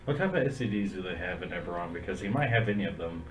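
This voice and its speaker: A man's voice: sits low, expressive, fast, reverberant, a little hiss or hum. A man playing in a tabletop game, asking curious, joking questions. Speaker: player.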